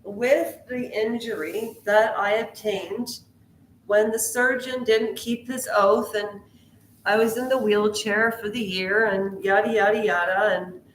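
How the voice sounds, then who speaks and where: In her casual pop culture vlog, a woman rambles across topics and keeps testing viewers with questions. Her mid-range voice has fairly even intonation and a measured pace, recorded in an echoey room with slight background noise.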